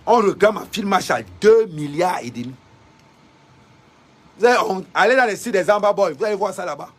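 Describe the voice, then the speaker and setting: A woman's voice: medium pitch, expressive, normal speed, slightly rough. A woman from Cameroon, delivering a defiant, fiery political rant to viewers, repeating rhetorical questions.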